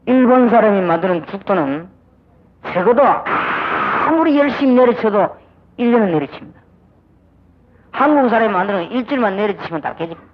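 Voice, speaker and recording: High animated preacher with a Gyeongsang accent. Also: male voice, normal speed. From Busan, South Korea. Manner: emphatic preaching, acts out dialogues. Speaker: pastor. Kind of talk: sermon. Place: church sanctuary. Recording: dull old audio recording.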